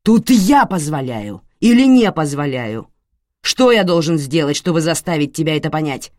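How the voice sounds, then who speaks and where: A woman performs the part of a furious, violent middle-aged father bellowing threats in a storybook, her voice swinging sharply up and down in his rage. She speaks in a mid-range, sing-song voice with a dark tone, raised above her own pitch and delivered at a measured pace. It was captured close-up and dry, without echo or room sound.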